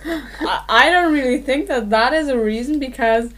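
A woman from Los Angeles co-hosting a podcast, cheery and quick to laugh during a word game. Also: high-pitched, a bit bright. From Los Angeles, California. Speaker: podcast co-host. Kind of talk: casual game chat.

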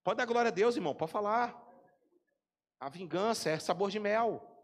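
A Brazilian man preaching from the pulpit, his voice pitched high and carried by the long reverb of a church hall. He speaks with a Brazilian Portuguese accent and tells his story animatedly, jumping from loud exclamations to quiet, confiding asides. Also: normal speed. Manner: animated storyteller, swinging between loud bursts and hushed asides. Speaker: pastor. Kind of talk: storytelling sermon.

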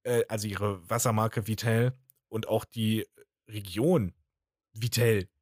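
A man's voice: lowish voice, fairly even intonation, takes it slowly, dry recording. A man in casual conversation gives blunt opinions and adds wry asides. His voice is recorded close and dry, with no room sound. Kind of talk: casual chat.

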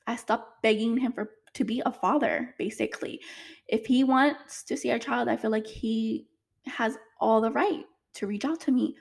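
A woman's voice: fairly high pitch, normal speed, gravelly. A young woman, a single mother, chatting emotionally to camera in a casual vlog, full of fillers.

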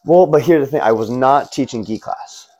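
A man's voice: medium pitch, lively intonation, normal speed, darkish tone. A man chatting casually and telling stories in laid-back frat-bro slang, full of "man", "bro" and "you know". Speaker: guest, martial arts instructor and skateboarder.

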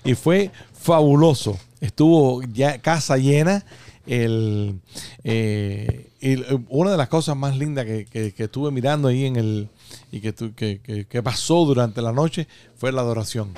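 A man's voice: medium pitch, a little slow, mellow. A man hosting a radio programme in a casual, conversational style. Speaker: radio show host. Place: radio studio. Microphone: studio microphone.

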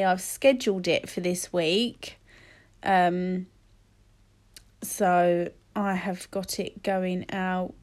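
A woman's voice: lowish voice, darkish tone. A woman, chatting casually and rambling with many fillers while sniffly from a cold. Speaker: podcast host. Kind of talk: casual solo chat.

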